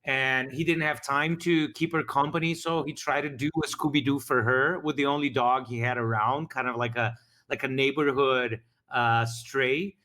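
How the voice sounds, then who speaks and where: A man's voice: medium pitch, fairly even intonation, normal speed, pushed and bright. A man talking casually as a game master, rambling with frequent restarts while reflecting on his campaign. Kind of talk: casual after-show chat.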